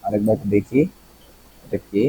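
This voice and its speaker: A man's voice: fairly low pitch, little pitch movement, moderate pace, dark tone, a little hiss or hum, poor audio. A young man with a Bangladeshi accent teaching vocabulary in a casual way, repeating each word and asking the listener questions. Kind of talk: explaining vocabulary.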